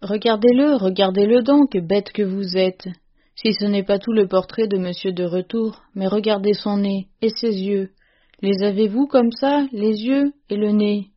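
A fierce old servant woman scolds loudly, domineering and stubborn, as a woman reader puts her on. Her voice pushes higher and louder than the reader's own, with a middling pitch underneath. The storybook recording sounds dull and lo-fi. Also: fairly even intonation, moderate pace, natural voice. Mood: furious. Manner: loud, scolding outbursts.

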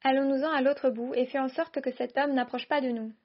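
A sharp-tongued middle-aged mother with a reproachful bite, as a woman reading a story puts her on. The voice sits high and bright in pitch. The recording sounds dull and lo-fi. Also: fast talker, breathy edge. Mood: furious. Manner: curt, reproachful delivery.

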